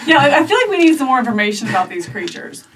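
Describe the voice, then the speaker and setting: A woman's voice: high voice, very animated, very fast, a crowd in the background. Woman player, distant mic. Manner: chatty, laughing. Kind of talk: casual tabletop chat. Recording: distant mic with faint noise.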